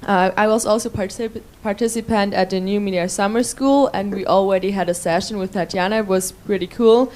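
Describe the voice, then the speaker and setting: A woman speaks up from the floor at a conference with a mid-pitched voice. She is hesitant, pausing on fillers and restarting her sentences as she talks. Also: steady tone, darkish tone. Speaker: conference participant. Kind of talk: spontaneous floor remark. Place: conference room.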